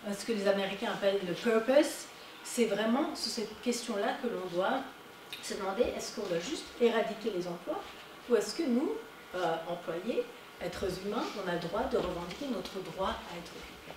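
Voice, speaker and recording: A woman giving a conference talk, animated and emphatic on her key points. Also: mid-range voice, normal speed. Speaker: conference speaker. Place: conference hall. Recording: echoey hall, distant mic, noisy.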